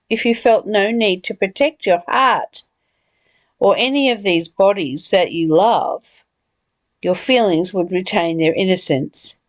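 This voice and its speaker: A study group leader guides a reflective spiritual discussion, speaking earnestly and leaning on rhetorical questions and repeated phrases. Her voice is medium in pitch, with no echo.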